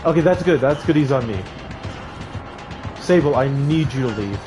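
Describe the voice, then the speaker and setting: A man's voice: mid-range voice, expressive, moderate pace, loud music behind the voice. A young man streaming a game, joking with his chat and laughing between calls to his teammates. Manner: joking, talks to chat while playing, laughs often. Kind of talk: casual gaming stream chat.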